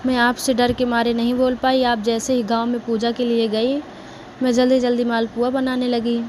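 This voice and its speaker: A woman's voice: on the high side, level tone, normal speed, a little mellow, slight background noise, close to an everyday voice. A woman voicing a simple, frightened young daughter-in-law who pleads and explains in a folk tale. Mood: fearful. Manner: fearful, pleading.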